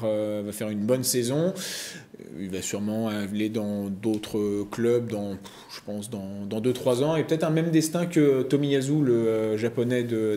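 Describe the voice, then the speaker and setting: A man's voice: mid-range voice, warm tone, echoey room. A man on a football panel, chatty and joking, laughing often. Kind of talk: casual panel chat.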